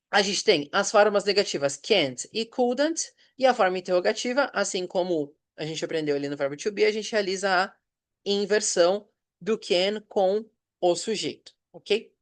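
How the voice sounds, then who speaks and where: A Brazilian man who teaches English, giving a patient recorded review lesson. He reads example sentences slowly and checks in with short questions. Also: high voice. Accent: Brazilian Portuguese.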